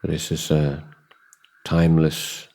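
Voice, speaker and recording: A man speaks as a Buddhist teacher leading a guided meditation, his contemplative, measured delivery broken by frequent pauses between short phrases. His bass voice is monotone and dark in tone.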